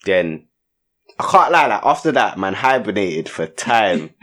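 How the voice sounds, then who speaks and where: Young London man, very animated pitch swings. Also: a little slow. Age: young adult. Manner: heavy street slang with frequent tag questions. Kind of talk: casual chat, storytelling.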